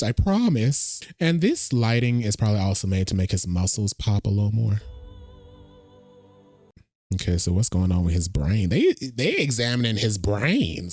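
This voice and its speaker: A man hosting a casual trailer reaction, chatty and animated, thinking out loud as he watches. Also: on the low side, dry recording, studio quality. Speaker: reaction video host.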